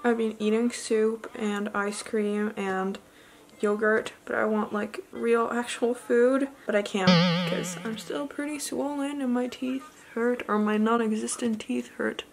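A woman's voice: a little high, steady tone, a little slow, creaky, poor audio. A young woman casually narrating and chatting in a personal vlog. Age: young adult. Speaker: vlogger.

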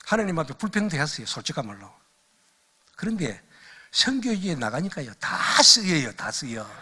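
A lively older man lectures as a missionary, his pitch leaping up and down as he recounts his past. His voice is bright and forceful, and he laughs at his own stories. His delivery sits a little high for a man. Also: brisk, breathy edge. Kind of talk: lecture with personal testimony.

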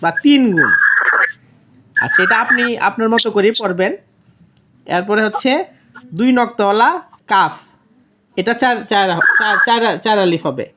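A woman's voice: mid-range voice, a little slow, pauses often, very noisy. A woman teaching an online Quran lesson, patiently repeating each letter sound to demonstrate it.

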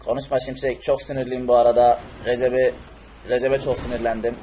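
A man's voice: mid-range voice, little pitch movement, fairly quick, dark tone, a little hiss or hum, lightly acted, low-quality recording. A man voicing a furious male superhero who rants angrily and repeats his threats. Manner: angry, repetitive ranting. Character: furious male superhero ranting about revenge.

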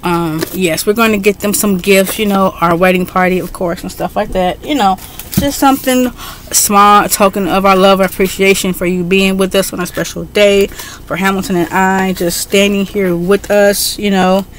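A middle-aged woman talking casually on a home webcam in an excitable, chatty way, with frequent fillers. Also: medium pitch, moderate pace, a little hiss or hum. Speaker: beauty vlogger. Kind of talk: casual haul video. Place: bedroom at home, indoors. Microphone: webcam at desk.

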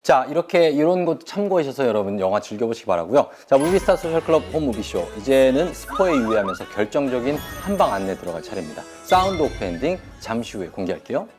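A man's voice: medium pitch, sing-song, fast talker, few pauses, over music. A man hosting a casual movie talk show, often chiming in with reactions. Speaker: show host.

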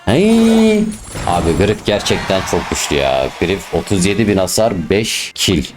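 A young man with a fairly low voice commentates his own gameplay, getting worked up and cursing at teammates. Game music plays clearly behind him. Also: moderate pace. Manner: excitable, swears and snaps at teammates. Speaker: gaming YouTuber.

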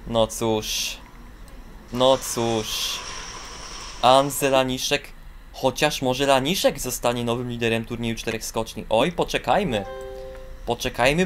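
A man giving sports commentary on a ski jumping video game, jumping into high excited shouts on big jumps and slipping into fillers and restarts. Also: a little hiss or hum.

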